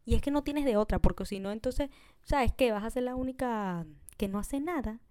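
A woman's voice: on the high side, normal speed, darkish tone, no echo. Chatty woman hosting a podcast. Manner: chatty, talks straight to listeners with frequent "you know?" tags; mixes English words into her Spanish. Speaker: podcast host. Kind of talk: casual solo podcast monologue.

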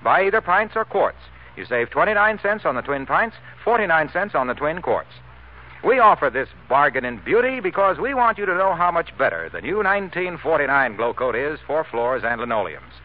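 Old time american radio ad man, very up and down, polished pitch, muffled old recording. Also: sing-song, moderate pace. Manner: emphatic, polished salesmanship. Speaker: radio announcer. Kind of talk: 1940s radio sponsor announcing. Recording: old band-limited 1940s radio recording.

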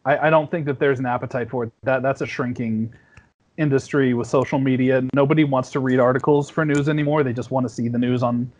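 Recorded at home at night, a man around his forties talks as a podcast guest in casual conversation. His mid-range, darkish voice moves fast with fairly even intonation, and his easygoing, rambling speech is full of restarts and fillers.

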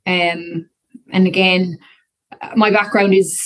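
A woman's voice: on the low side, little pitch movement, takes it slowly, rough recording. A woman in her thirties from Kerry with a west of Ireland accent, telling her story casually as a podcast guest in a chatty, slightly hesitant way. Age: 30s.

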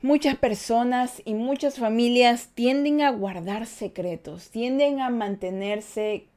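A woman's voice: a little high, slow, a little mellow. A young woman hosting a casual podcast, chatting with listeners and acting out quoted parents. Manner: conversational, reads listener comments, acts out quoted parents. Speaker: podcast host.

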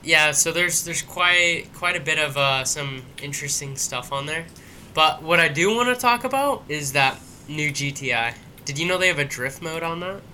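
A man's voice: fairly high pitch, moderate pace, bright, forceful tone, a little hiss or hum. A tipsy man co-hosting a casual podcast, laid-back and agreeable, with lots of fillers. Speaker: podcast co-host. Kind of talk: casual chat.

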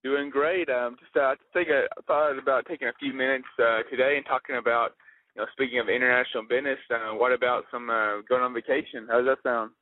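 A man's voice: medium pitch, steady tone, fast, dry recording. A young man who is a regular on a radio show, rambling with many fillers. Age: young adult. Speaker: regular segment contributor. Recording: dry lo-fi radio broadcast.

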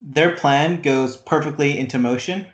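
A man's voice: on the high side, measured pace. A man co-hosting a podcast, recapping a reality competition in casual chat, rambling with lots of fillers. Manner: rambling, many "like" fillers, animated retelling. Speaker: podcast co-host. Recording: roomy echo.

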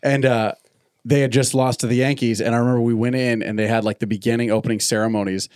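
A man in his thirties hosts a relaxed conversation and tells stories with lots of energy and laughter. His voice sits at a middle pitch. The recording is dry and close, with no room sound. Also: fast, clean tone, dry recording. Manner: animated storyteller, laughs often. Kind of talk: casual chat.

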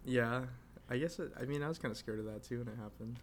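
A man in his twenties co-hosts a casual podcast chat, rambling with lots of fillers and laughing often. His voice is mid-range and quick, with slight background noise.

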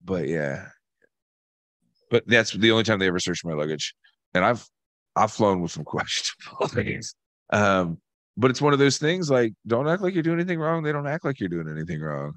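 A man's voice: low-pitched, moderate pace, pauses often, dry recording. Scratchy-voiced man swearing through a story. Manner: profane, animated storytelling. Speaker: podcast co-host. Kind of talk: casual podcast banter.

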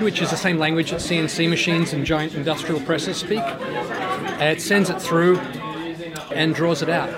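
At a busy indoor fair hall, a maker chats enthusiastically about his project in a casual interview, restarting often. His voice is on the high side and getting a little worn, while loud crowd chatter fills the background.

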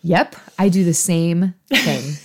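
A woman in her thirties tells animated stories as a podcast co-host. Her talk is loose and full of fillers, and she jumps into quoted back-and-forth dialogue. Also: lowish voice, takes it slowly, gravelly. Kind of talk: casual chat.

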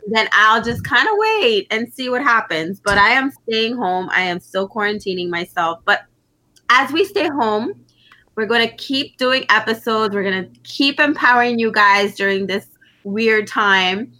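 A woman's voice: a little high, animated, unhurried, pushed and bright, low-quality recording. A woman co-hosting a podcast in casual chat, upbeat and enthusiastic. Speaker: podcast co-host.

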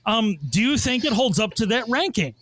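A man's voice: extremely high pitch, animated, normal speed, noisy background. A man hosting a casual podcast discussion, steering it as moderator. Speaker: podcast host moderating a panel.

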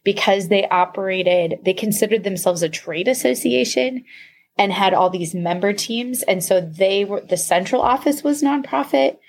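A woman's voice: medium pitch, moderate pace. A woman co-hosting a podcast in casual chat, rambling with fillers, swearing and laughing often. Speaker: podcast co-host.

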